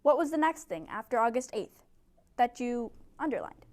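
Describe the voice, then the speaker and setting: A young woman tutoring a small group of adult English learners in a classroom, giving clear, encouraging instructions. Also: fairly high pitch, big pitch swings, moderate pace. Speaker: ESL tutor. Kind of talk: teaching a small group lesson.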